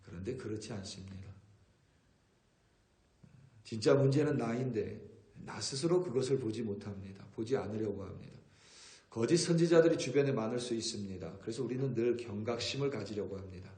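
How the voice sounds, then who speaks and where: Korean pastor preaching in an echoey church. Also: male voice, on the low side, fairly quick, dark tone. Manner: earnest preaching, rising in force when quoting scripture. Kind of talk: sermon. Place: church sanctuary.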